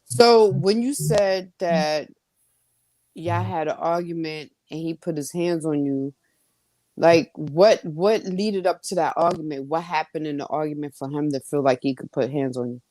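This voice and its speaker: A woman's voice: sits low, a little slow, a little mellow, no echo. A woman podcast host asking probing, supportive follow-up questions and sharing her own experience.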